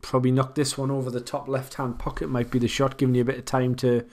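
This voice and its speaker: This laid-back pool commentator, watching an online match, has a mid-range, darkish voice with little pitch movement. He talks conversationally and keeps stopping to reason out loud about how he'd play the shot.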